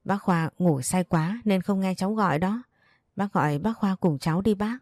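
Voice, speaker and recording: Grieving young woman, pleading and sobbing, read by a woman, warm and low, dry close recording. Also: normal speed, dry recording, lightly acted.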